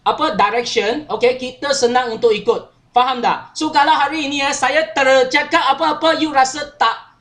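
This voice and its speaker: High-voiced woman training a group. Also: steady tone, moderate pace, fairly bright tone. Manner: chatty, asks listeners questions, frequent 'okey' tags. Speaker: workshop trainer. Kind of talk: training talk with storytelling.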